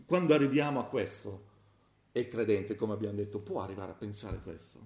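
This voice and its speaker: A man preaching a sermon, dropping to soft murmurs and then rising to loud, slow, emphatic exhortation. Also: medium pitch. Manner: slow, emphatic delivery on scripture.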